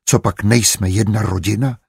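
A man's voice: on the low side, steady tone, vocal fry, darkish tone, slightly rough, no echo, clean studio sound, full character voice. A male narrator voicing a stern, worried village wife who turns to frightened pleading. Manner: stern, rising to frightened cries. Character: strict worried farm wife, pregnant.

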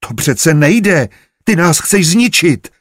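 A man's voice: lowish voice, vocal fry, darkish tone, husky, no room sound, studio quality. A male narrator voicing a stern, worried village wife who turns to frightened pleading. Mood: alarmed. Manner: stern, rising to frightened cries. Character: strict worried farm wife, pregnant.

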